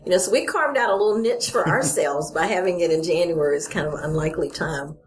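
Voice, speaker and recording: Chatty, laughing Texan woman, lowish voice. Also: fast talker. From Texas. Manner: laughs often, chatty with many "you know"s. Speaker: festival organizer guest. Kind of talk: casual interview chat. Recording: faint background noise.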